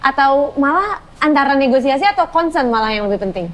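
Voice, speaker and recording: A woman's voice: high-pitched, big pitch swings, a little fast. A woman hosting a panel discussion, attentive, giving frequent short affirmations. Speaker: host, moderator.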